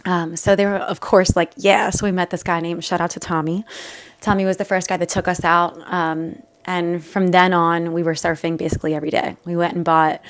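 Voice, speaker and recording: A woman's voice: on the low side, little pitch movement, fairly quick. A young woman vlogger telling a personal story in a chatty, emotional, rambling way with many fillers. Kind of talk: casual storytelling to camera.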